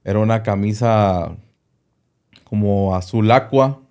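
A man's voice: lowish voice, slow pace, darkish tone, clean tone. A man, a doctor, telling a personal story in an interview, hesitating and often repeating small words as he goes.

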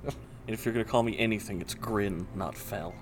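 A man's voice: fairly low pitch, normal speed, a little hiss or hum, natural voice. A man voicing a stern, suspicious male adventurer who talks in a clipped, scornful way.

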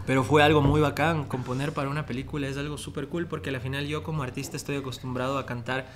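A young man telling stories in a relaxed, slangy way during a casual podcast chat in a bar. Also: medium pitch, quick pace, background noise. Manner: laid-back storytelling, slangy. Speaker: musician guest. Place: bar, indoors.

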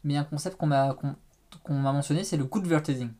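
A man's voice: on the high side, fast, warm tone. A man with a faded trace of a Quebec accent, chatting casually and rephrasing himself as he goes. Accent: French with a faded Quebec trace. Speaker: interviewer. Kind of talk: casual conversation.

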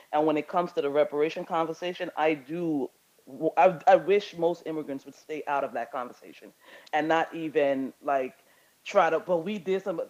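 Halting man from Guyana, lo-fi. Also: fairly high pitch, darkish tone. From Guyana and Brazil. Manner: halting, many fillers and restarts. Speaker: participant in an audio chat room. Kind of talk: casual discussion. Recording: dull lo-fi audio.

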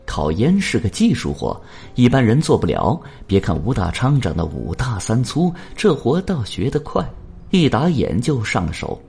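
A man's voice: medium pitch, huge pitch swings, normal speed, creaky, darkish tone, slightly rough. A man narrating a story expressively, shifting into voices for the characters.

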